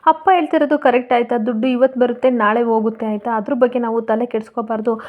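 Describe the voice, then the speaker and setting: A woman voicing a calm middle-aged father who reasons with his family in a serial recap. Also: on the high side, fast talker, narrow, tinny audio, natural voice. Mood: soothing.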